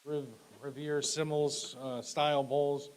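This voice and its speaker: A man's voice: on the high side, level tone, slow. A man working as an auctioneer at a live auction, calling bids and lots in short, clipped, repetitive phrases with polite asides. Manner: repetitive, clipped bid calls with polite thanks. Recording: clearly audible background hiss.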